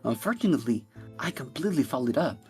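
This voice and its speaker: A woman's voice: rumbling low, sing-song, quick pace, a little mellow, soft background music. A woman playing a dramatic, self-deprecating young man in a video game fan dub, speaking emphatically. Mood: rueful, dramatic.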